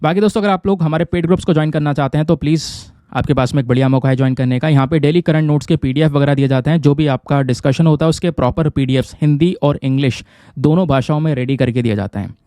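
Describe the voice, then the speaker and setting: A man's voice: on the high side, fast talker, dark tone, no echo, clean studio sound. A man teaching current affairs to exam students in a chatty way, often checking with his viewers. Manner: conversational, keeps checking with listeners. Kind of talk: explaining news to exam students.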